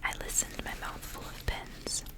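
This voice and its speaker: Whispering gently and unhurriedly, an ASMR reader tells a story in a soft, calm voice. The reader is a woman.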